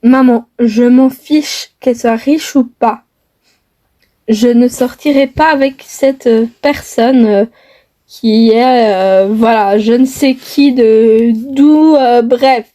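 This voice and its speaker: A woman's voice: a little high, takes it slowly, dark tone. A woman playing a young man in love who defies his mother, earnest and hesitant with many fillers, in a homemade skit.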